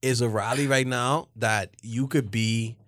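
A man's voice: mid-range voice, fairly even intonation, a little slow, fairly bright tone, no echo. A man in casual group banter with a slangy, teasing way of talking.

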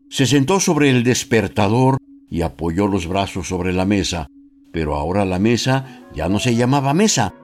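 A low-voiced Mexican man reads a story aloud for radio, lingering on words to draw them out. His delivery is lively and rises and falls widely. Soft music plays faintly under his voice. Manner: measured, expressive, slowing for emphasis. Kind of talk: expressive storybook narration.

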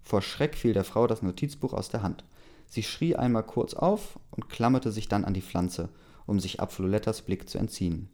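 A man's voice: on the low side, moderate pace, darkish tone. A man casually reading a story aloud, hesitant, with many fillers. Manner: hesitant, many fillers, laughs between lines. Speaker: story reader.

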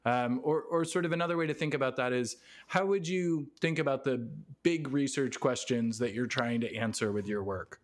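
A man with a medium-pitched voice hosts a casual podcast interview. He talks in a halting, rambling way and is quick to poke fun at himself. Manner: halting, rambling, self-deprecating. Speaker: podcast host. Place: basement apartment at home.

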